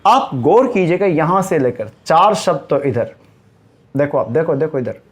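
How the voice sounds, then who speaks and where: Slow, emphatic high-voiced male teacher. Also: animated. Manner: emphatic, repeats correct word forms slowly; addresses students directly, asks and answers himself. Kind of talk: spoken Hindi grammar lesson.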